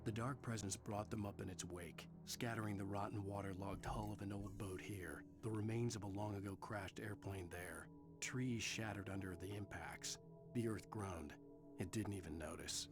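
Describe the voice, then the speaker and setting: An actor playing a brooding male writer who narrates his own manuscript pages in a grim, measured way, with game music behind. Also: fairly low pitch, steady tone, lightly acted. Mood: somber. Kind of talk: scripted literary narration.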